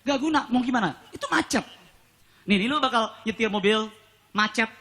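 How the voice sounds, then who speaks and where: A man's voice: extremely high pitch, brisk. A man doing a stand-up comedy routine on a TV studio stage, telling stories and acting out quoted voices. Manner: animated storytelling, acts out quoted voices, laughs along. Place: TV studio stage with live audience. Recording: live studio audience and room noise.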